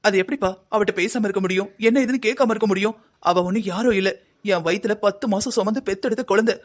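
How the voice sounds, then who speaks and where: Fast-talking fretful mother, voiced by a man. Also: high-pitched, natural voice. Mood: worried. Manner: earnest, lecturing. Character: worried middle-aged mother, talkative and fretful. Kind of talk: Tamil cartoon drama voicing.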